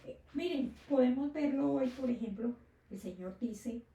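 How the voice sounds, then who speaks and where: A woman's voice: high-pitched, unhurried, mellow, lo-fi sound. A woman preaching a sermon, often asking her listeners rhetorical questions and checking they follow. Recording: echoey room, distant mic.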